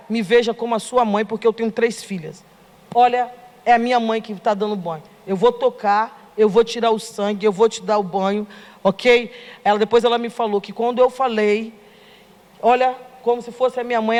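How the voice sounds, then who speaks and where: A middle-aged Brazilian woman giving a lively testimony to a congregation, acting out the dialogue as she tells the story. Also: a little high. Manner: animated storytelling, acts out dialogue. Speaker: church member giving testimony. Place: church hall. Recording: long reverb of a church hall.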